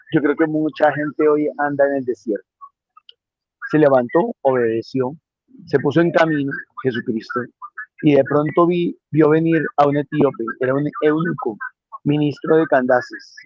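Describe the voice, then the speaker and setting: A man's voice: on the high side, dry recording, dull audio. A man preaching a homily on the day's readings, earnest and repeating key phrases for emphasis.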